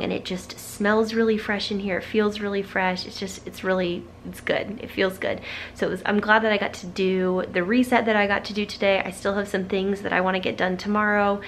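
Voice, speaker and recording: A woman's voice: medium pitch, slight background noise. A young woman, chatting casually as a lifestyle vlogger, upbeat and full of fillers. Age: young adult. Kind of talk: casual voice-over narration. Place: bedroom at home, indoors. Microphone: handheld camera at arm's length.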